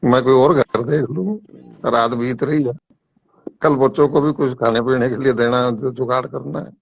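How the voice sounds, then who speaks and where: A man's voice: mid-range voice, steady tone, moderate pace, gravelly, no echo. A man voicing a poor male thief who begs to be let off, in a joke he is telling, on muffled lo-fi audio. He speaks in his own everyday voice. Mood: pleading. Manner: begging with folded hands.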